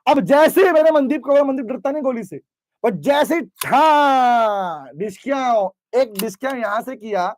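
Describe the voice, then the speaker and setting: A man teaching a class, lively, constantly questioning his students and acting out examples. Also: extremely high pitch, brisk, slight background noise. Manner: lively, questioning students, mixes English terms into speech. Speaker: commerce teacher. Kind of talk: classroom lecture with role-play. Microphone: camera recording in class.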